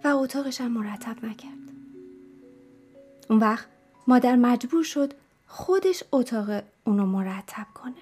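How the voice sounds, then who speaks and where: A woman narrating a children's story in an expressive way, speaking straight to the young listeners. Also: on the high side, pauses often, soft background music.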